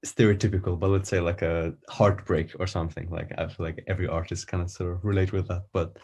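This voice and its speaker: A man from Iran, an artist guest on a podcast, speaks in a very low voice. He talks in a relaxed, casual way and searches for his words as he thinks aloud, with frequent pauses and fillers. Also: slightly rough.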